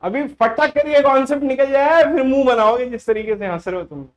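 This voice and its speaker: Man teaching combinatorics, hushing his class. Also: very high voice, fairly quick, dull audio. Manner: keeps hushing the class and asking them to listen; switches between Hindi and English mid-lesson. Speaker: math teacher. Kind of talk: classroom lecture.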